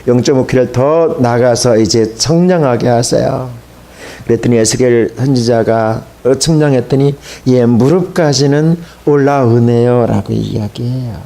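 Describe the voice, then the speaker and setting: A man's voice: medium pitch, normal speed, gravelly, mellow. A man pastor preaching a sermon, telling a story in a colloquial way and addressing the congregation.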